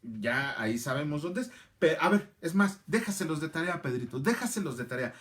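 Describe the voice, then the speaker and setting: A middle-aged man leads a relaxed Bible class, speaking a bit higher than most men. He chats along, repeats his points and turns to viewers by name as he goes. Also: a little fast. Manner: chatty, answers viewer comments by name, repeats phrases. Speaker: Bible teacher. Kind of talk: casual livestream Bible class.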